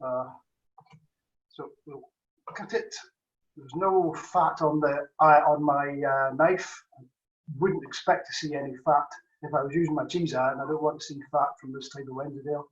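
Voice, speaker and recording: Somewhat high-voiced and steady, this man judges cheese at a moderate pace, thinking aloud and weighing his words in a casual tasting commentary. The audio sounds like a dull, distant, roomy video call.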